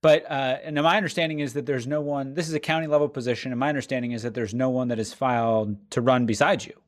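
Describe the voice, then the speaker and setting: A man in his thirties hosting a podcast, asking questions in a chatty, teasing way with quick joking asides. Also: mid-range voice, steady tone. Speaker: podcast host. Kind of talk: casual joking interview.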